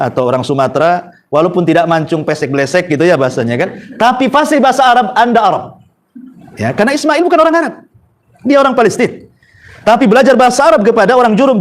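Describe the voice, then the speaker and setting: A male Islamic preacher with an Indonesian accent gives a Quran study lecture in a high, quick voice. He tells it as a story, with plenty of "eh" and mid-sentence corrections, and keeps up a brisk pace. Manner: lively storytelling with fillers and self-corrections. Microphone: microphone with audio trouble.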